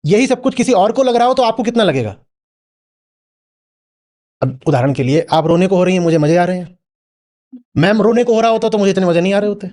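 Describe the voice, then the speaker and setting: A spiritual teacher answers an audience member in a discourse before a live crowd, often prodding with questions and a questioning "hmm?". His voice sits high and darkish, expressive and fairly quick, broken by long pauses.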